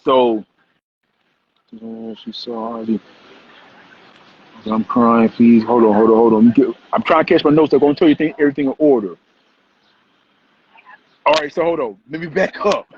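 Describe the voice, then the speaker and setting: A man's voice: mid-range voice, moderate pace, vocal fry, pauses often, slight background noise. Man, host, casual livestream recap, rambling, lots of fillers, dull lo-fi audio. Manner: rambling, animated, heavy use of "like".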